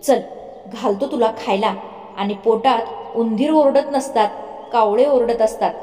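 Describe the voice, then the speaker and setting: A woman voicing a romantic, playful young man who talks softly and intimately. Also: a little high, unhurried, natural voice. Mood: bantering. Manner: soft, intimate. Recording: roomy reverb, faint music.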